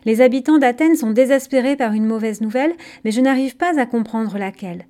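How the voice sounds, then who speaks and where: A woman's voice: on the high side, fairly quick, mellow, lightly acted. A woman reading aloud as an earnest, impatient young hero who presses his father with questions. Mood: grave.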